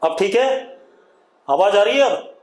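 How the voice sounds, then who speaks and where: A man with an Indian accent teaching physics in an online class, strict and scolding, dictating terms slowly. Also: sits high, expressive, echoey room. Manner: strict, scolding, addresses students as 'beta'; slow dictation of terms, drawn out.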